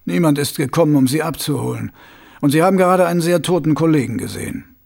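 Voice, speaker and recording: A man voicing a shrewd, middle-aged watch captain who gives brisk orders in a dry, commanding manner. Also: a little high, lively intonation, vocal fry, a little mellow.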